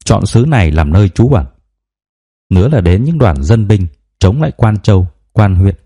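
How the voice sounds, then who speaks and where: A weary old grandmother in a spoken novel, passing on old tales in a gentle, unhurried way, as a man reads her lines. The voice is deep and mellow, close to the narrator's own. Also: breathy edge, heavily acted.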